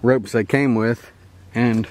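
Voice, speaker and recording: This camping vlogger, a young man, speaks slowly in a medium-pitched voice that is steady and darkish in tone. He gives a casual, wandering tour of his camp by the river, chuckling frequently. The handheld camera mic captures faint outdoor noise.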